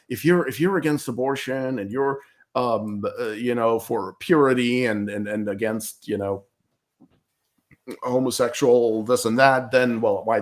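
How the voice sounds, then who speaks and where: A guest commentator whose first language is German gives interview commentary in an emphatic, argumentative way. His voice sits at medium pitch, and he often repeats words while searching for the right ones.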